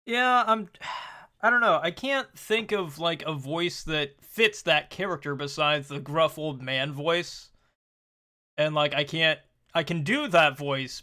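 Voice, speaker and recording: A man's voice: on the high side, pushed and bright. A man hosting a casual gameplay video, chatting in a rambling, self-deprecating way. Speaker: let's-play host.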